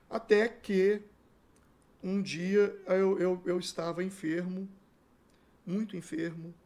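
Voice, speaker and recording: A man's voice: a little high, creaky, a little mellow. A middle-aged man from Brazil, a pastor, telling his life story in a podcast interview and acting out the dialogue as he goes.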